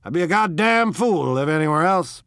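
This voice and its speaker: A brash, domineering wealthy husband, voiced by a male audiobook narrator, loud and blunt, who hits his words hard. The reading sits close to the mic in a dry space. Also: fairly high pitch, expressive, fairly quick, clean tone, no room sound, pitched above the performer's own voice. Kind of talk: audiobook character voice.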